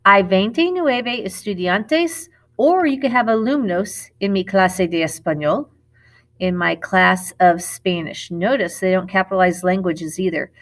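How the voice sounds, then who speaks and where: A woman's voice: medium pitch, measured pace. Patient woman teaching a lesson. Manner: patient, explains step by step, corrects herself. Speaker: Spanish teacher. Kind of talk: recorded classroom lesson video.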